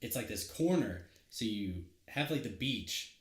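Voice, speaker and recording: A man co-hosting a podcast, telling a story in casual chat, animated and laughing often. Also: fairly low pitch, measured pace. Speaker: podcast co-host. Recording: echoey room.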